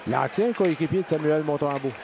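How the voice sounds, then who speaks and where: A man with a Quebec French accent giving colour commentary on a live hockey game in a halting, admiring way. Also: fairly high pitch, vocal fry, crowd noise.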